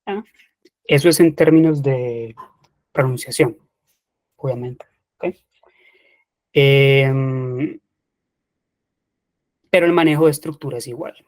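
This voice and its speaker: A man with a medium-pitched, darkish voice speaks slowly with long pauses, and there's no room sound. Teaching English grammar in an online class through a computer mic, he goes step by step, patient and methodical, checking in with students by saying "ok."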